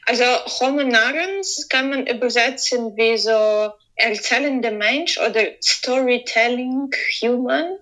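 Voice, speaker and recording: A fairly high-voiced woman speaks slowly in an interview. She searches for her words and leaves many hesitant pauses. She speaks as a composer explaining her work. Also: a bit bright, poor audio. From Ukraine. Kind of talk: interview answers.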